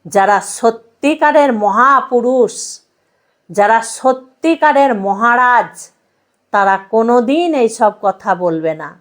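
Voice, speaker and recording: A woman preaching a devotional sermon in a fairly high voice. She talks slowly and with emphasis, stacking up repeated phrases. She turns to her listeners with rhetorical questions. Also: lively intonation. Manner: repetitive emphatic preaching lists. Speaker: religious speaker.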